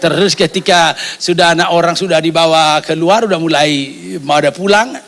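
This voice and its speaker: Middle-aged male pastor, high gravelly voice, lively storytelling sermon. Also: normal speed. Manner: animated storyteller acting out dialogue.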